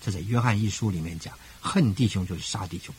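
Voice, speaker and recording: An older man preaching a radio sermon as pastor, emphatic, with rhythmic parallel phrasing and sudden rises in pitch. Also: fast, a little mellow, a little hiss or hum.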